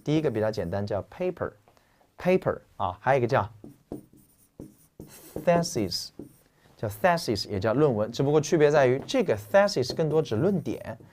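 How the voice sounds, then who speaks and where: A man teaching English vocabulary in a lecture, explaining in a lively, joking, slangy way. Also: mid-range voice, moderate pace, long pauses.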